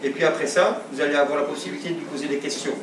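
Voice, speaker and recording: A man's voice: a little high, steady tone, very fast, roomy sound, recorded from a distance, background noise. A man coaching youth football, addressing a group of kids in a rambling way with many fillers. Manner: rambling, repeats himself with fillers.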